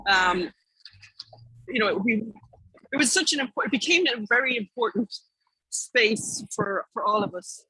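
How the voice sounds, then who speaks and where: Irish woman, higher-pitched, speaking informally. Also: fairly bright tone, husky, dry recording, poor audio. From Ireland. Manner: hesitant, self-correcting, rambling delivery. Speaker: keynote speaker, artist and activist. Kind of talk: informal conversational keynote talk.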